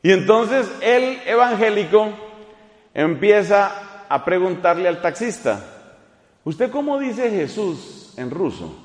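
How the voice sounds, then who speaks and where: Priest preaching in an echoing hall. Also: male voice, high voice, slow pace. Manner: animated, teasing, mimics voices in anecdotes. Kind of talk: humorous sermon with storytelling. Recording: echoey hall with long reverb.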